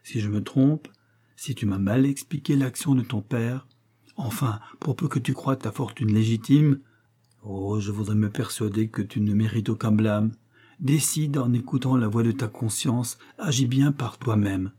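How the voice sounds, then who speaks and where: Man reading as a solemn loving young wife, tender and moralizing, dark mellow tone, husky edge. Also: mid-range voice, measured pace. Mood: tender earnest. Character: earnest young wife writing a pleading letter.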